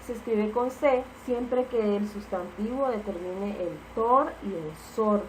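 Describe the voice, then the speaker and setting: A woman's voice: mid-range voice, slow, darkish tone, slight background noise, rough recording. A woman teacher giving a spelling lesson, explaining each rule patiently and repeating the key points.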